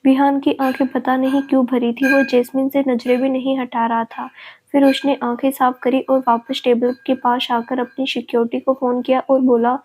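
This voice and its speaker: A woman narrating a family love story as a storyteller, in a steady scripted reading. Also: high-pitched, normal speed, noisy background.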